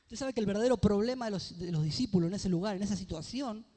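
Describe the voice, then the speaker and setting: A man's voice: high-pitched, mellow, big-room sound. A man preaching a sermon as pastor, rising into emphatic phrases and asking the congregation questions. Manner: reads scripture aloud slowly. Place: church.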